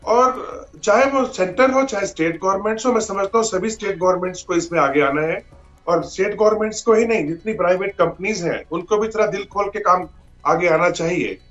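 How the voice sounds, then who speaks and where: A man's voice: high-pitched, brisk, fairly bright tone, faint music behind. A man speaking as a political analyst in a TV panel debate, emphatic and stumbling into restarts, on a dull lo-fi remote link.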